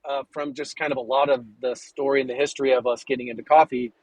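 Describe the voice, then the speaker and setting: A man talking as a podcast guest, chatty and enthusiastic, rambling with quick restarts. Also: mid-range voice, level tone, a little mellow, dry recording, low-quality recording. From United States. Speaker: coffee importer and roaster guest. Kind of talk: casual podcast interview.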